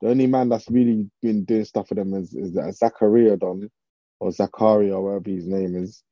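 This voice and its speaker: A man's voice: lowish voice, fairly even intonation, a little fast, warm tone, no echo, highs cut off. A man with a London accent, talking bluntly in urban slang as a panellist in casual football chat. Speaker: podcast panellist.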